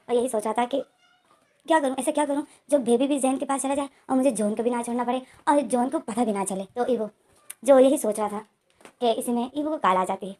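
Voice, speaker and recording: A woman retells a story scene by scene in a casual, chatty manner. Her voice sits fairly high. She keeps linking events with the same little connecting words. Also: a little mellow. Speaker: story explainer.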